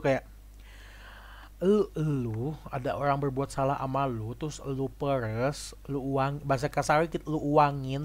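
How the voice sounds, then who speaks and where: A young man in a casual monologue vlog. He rambles in slang, often repeats and restarts his words, and acts out the people he talks about. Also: on the high side.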